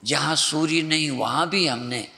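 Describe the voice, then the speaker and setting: A male spiritual teacher from North India giving a slow, repetitive meditative discourse that guides the listener's mind. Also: on the high side, gravelly, sharp tone, long reverb tail. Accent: Hindi, North Indian.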